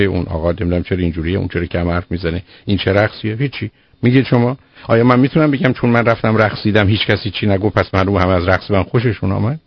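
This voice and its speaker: Radio expert, male, low voice, firm and lecturing, dry lo-fi broadcast sound. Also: slightly rough, dry recording. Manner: firm, lecturing, explains with everyday examples. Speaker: child psychologist answering a caller. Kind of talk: radio call-in advice.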